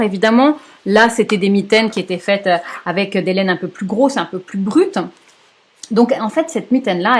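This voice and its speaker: A woman presenting a knitting history lesson in a chatty storytelling way, with asides and jokes for her viewers. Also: mid-range voice. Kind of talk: casual storytelling lecture.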